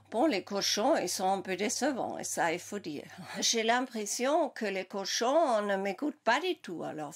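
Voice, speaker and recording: A woman on a reality show, speaking with amused hesitation in a confessional. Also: medium pitch. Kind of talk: confessional interview.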